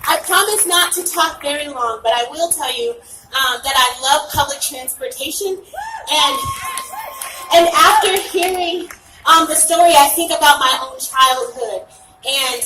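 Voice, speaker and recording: A woman running for office gives an earnest speech at a rally, out of breath and often saying "um". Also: high voice. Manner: earnest, frequent "um" fillers. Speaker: candidate speaking at a rally. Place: outdoor rally stage. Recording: echoey, distant, noisy outdoor recording.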